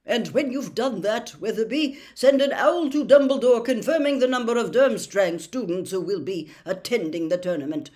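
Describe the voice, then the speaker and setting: A woman voices a mad older male wizard official for an audiobook, her fairly high voice a little mellow and lightly acted. The character is officious and rambling, lurching between smooth dictation and frantic, breathy, halting gasps.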